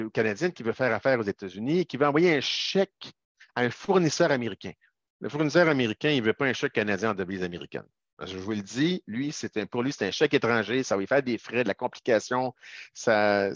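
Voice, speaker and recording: A man's voice: medium pitch, dry recording. A man from Quebec with a Québécois French accent, explaining business matters in a chatty webinar, peppering his talk with tag words and direct asides to the audience. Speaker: webinar presenter, business lawyer. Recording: dull lo-fi webinar audio.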